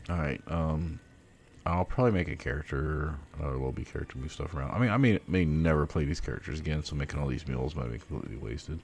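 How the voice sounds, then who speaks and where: A man's voice: rumbling low, quick pace, darkish tone, slight background noise. A tired man streaming a game late at night, rambling through his plans with casual swearing and lots of fillers. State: sleepy, yawning. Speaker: gaming streamer. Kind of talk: casual gameplay commentary.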